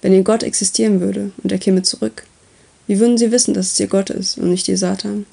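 A woman voicing a patient, wry male god who calmly explains and lectures in a story reading. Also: medium pitch, gravelly, slightly rough. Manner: calm, unhurried, explaining.

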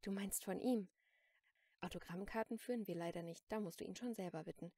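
A woman reading a brisk gallery saleswoman. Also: medium pitch, warm tone, no room sound, studio quality, natural voice. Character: adult female gallery saleswoman, cool then frightened. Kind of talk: audiobook reading.

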